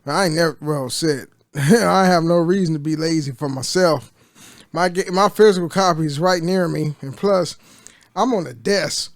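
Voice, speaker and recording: A man's voice: a little high, normal speed, no echo, clean studio sound. A man from the United States in a casual gaming vlog, rambling through an article at his desk with many restarts and fillers. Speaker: gaming vlogger. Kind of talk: casual chat, reading an article aloud.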